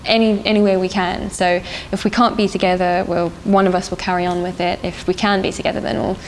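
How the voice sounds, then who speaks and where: She talks fast in a level, lowish voice: a young woman from South Africa who sings in a band, giving thoughtful, hesitant interview answers punctuated by laughter. The audio is rough, and there is a little noise in the background.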